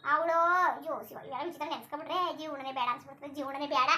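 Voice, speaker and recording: A bald old village grandmother from a cartoon, as a woman puts her on, firing off scolding in rural Karnataka Kannada. The voice is high, bright and sharp, and the words tumble out at a breakneck pace. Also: steady tone. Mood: lamenting. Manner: scolding, rapid-fire, crude rural Kannada. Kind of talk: cartoon voice acting.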